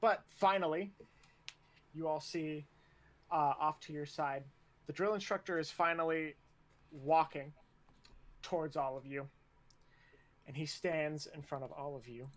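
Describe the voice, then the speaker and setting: A man's voice: on the high side, fairly even intonation, unhurried, pauses often, a bit bright. A man narrating a tabletop game as game master, casual and laughing, with plenty of fillers.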